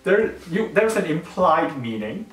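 A man's voice: a little high, sing-song, unhurried, fairly bright tone. A man, a young adult with a Malaysian accent, hosting a casual quiz chat. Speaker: host quizzing guests on slang. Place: living room sofa, indoors. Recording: slightly roomy, distant mic, faint music.

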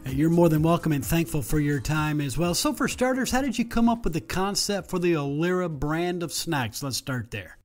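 A man's voice: a little high, sing-song, moderate pace, hardly any pauses, soft background music. A man hosting a health radio show, reading scripted introductions and asking questions with friendly asides.

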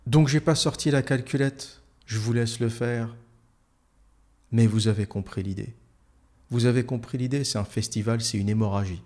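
Guy ranting solo, sarcastic and crude, keeps going euh, normal-pitched voice. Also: steady tone, normal speed, a little mellow. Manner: heated, sarcastic, crude slang, frequent "euh" fillers. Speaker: online commentator.

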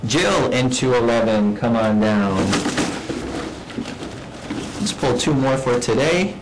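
A man's voice: mid-range voice, lively intonation, slow. Upbeat man reading school announcements. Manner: upbeat, stumbling over words. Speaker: school administrator. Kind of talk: morning announcements. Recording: noisy school studio.

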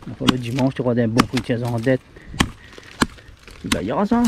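A man's voice: mid-range voice, very noisy. Middle-aged Réunion man narrating foraging. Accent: Réunionese French. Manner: plain, halting, explaining as he works. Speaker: outdoor video host. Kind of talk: casual narration while foraging and cooking. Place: forest outdoors, then home kitchen.

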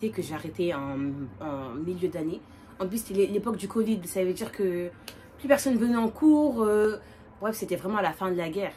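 A woman in her twenties with a northern French accent, chatting casually and quickly as a vlogger while doing her makeup, with lots of fillers and restarts. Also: medium pitch, very noisy. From northern France. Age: 20s. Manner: fast, animated, many fillers and restarts.

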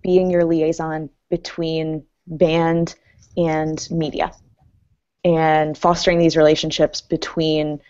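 A woman's voice: sits low, flat delivery, slow pace, a little mellow, clear, resonant tone. A woman who works as a music publicist, explaining her job in a casual podcast chat, thoughtful and detailed. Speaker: music publicist and record label owner. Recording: muffled lo-fi sound.

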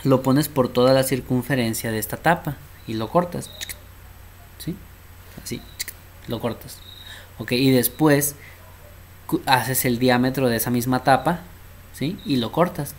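A man's voice: mid-range voice, unhurried, pauses often. Casual male math teacher. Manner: casual, checks in with the class, repeats words. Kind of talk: informal math lesson at a board.

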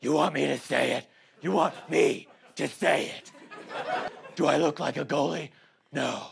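A man doing a sketch comedy impression of a self-serious, defensive caped superhero in a gravelly growl. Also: fairly high pitch, measured pace, crowd noise. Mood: brooding.

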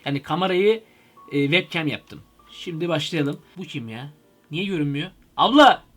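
A young man with a high voice hosts a comedy video from his home computer, speaking excitably into a headset microphone. He keeps shouting in mock fright. Faint music plays behind him. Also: moderate pace.

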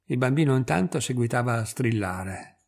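Guy reading a short story out loud, steady even pace. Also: medium pitch, normal speed, vocal fry. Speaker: reader. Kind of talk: scripted narration of a literary story.

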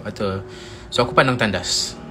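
A man's voice: fairly low pitch, normal speed, noisy background. Seorang pria muda beraksen Melayu Malaysia menceritakan kisah secara santai lewat siaran langsung dari ponsel, menirukan teriakan teman-temannya dengan hidup. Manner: animated, acts out friends' shouts in quoted lines. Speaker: Instagram live host. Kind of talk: casual storytelling on a live stream. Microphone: phone.

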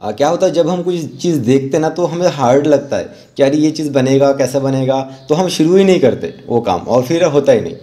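Speaking at medium pitch with a mellow, animated delivery, an Indian-accented rangoli art teacher and channel host moves briskly, hardly pausing. His informal drawing tutorial goes step by step, instructional and encouraging throughout.

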